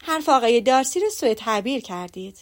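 A woman's voice: a little high, animated, close to an everyday voice. A woman reading an audiobook, voicing a witty, sensible young woman who speaks politely and composedly.

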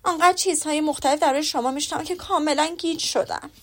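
A woman reading the lines of a witty, spirited young woman in a lively, teasing way. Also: high voice, pitched above the performer's own voice.

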